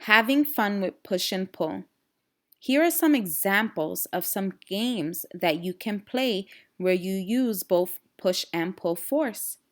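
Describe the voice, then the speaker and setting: A teacher reads a storybook aloud to young children, her medium-pitched voice unhurried and slow. Expressive and instructional, she turns to the listeners directly with simple questions.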